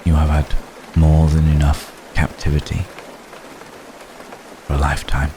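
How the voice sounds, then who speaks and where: In a romantic ASMR roleplay, a man murmurs as a centuries-old vampire gentleman, his voice extremely deep against the clear, steady patter of rain. He speaks in a flat, measured, formal way with long gentle pauses, coming across as world-weary and protective, tender and reassuring.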